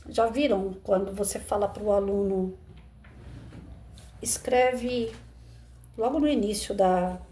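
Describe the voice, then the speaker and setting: Mellow-voiced Brazilian woman educator. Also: mid-range voice. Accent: Brazilian Portuguese. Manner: conversational, explains with rhetorical questions. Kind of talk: reflective commentary on a parable.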